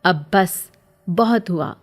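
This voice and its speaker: A woman's voice: dark tone, faint music behind, natural voice. Woman voicing a possessive male jinn, cold and commanding. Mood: furious. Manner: low, menacing, roaring when angry. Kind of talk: horror story narration.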